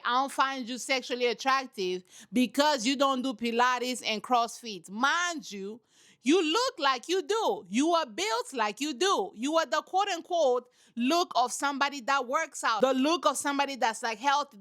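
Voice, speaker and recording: A woman's voice: high-pitched, normal speed. A woman giving casual reaction commentary on a reality TV show, emphatic and preachy, repeating her points and talking straight to her listeners. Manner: animated, talks straight to her audience.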